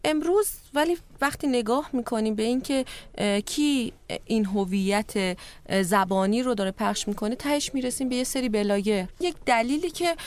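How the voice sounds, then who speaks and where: A woman from Mashhad hosts a studio talk show in a somewhat high voice. She chimes in often with agreement. When she makes her own points, she pauses on hesitant fillers. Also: a little mellow. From Mashhad, Iran.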